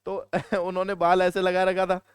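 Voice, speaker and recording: Man, Hindi accent, classroom teacher, chatty storyteller, fairly high voice, dry close sound. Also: completely flat delivery, moderate pace, clean tone, no room sound. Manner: chatty storytelling, scolds students. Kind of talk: classroom lecture with anecdotes.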